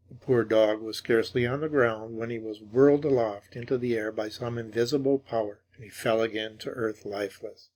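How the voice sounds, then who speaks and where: A man narrating a classic ghost story in measured, dramatic audiobook style. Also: mid-range voice.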